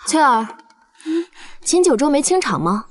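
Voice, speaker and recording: Brief: a scornful, imperious noble lady, high and animated. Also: unhurried. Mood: haughty. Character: haughty, vain young noblewoman.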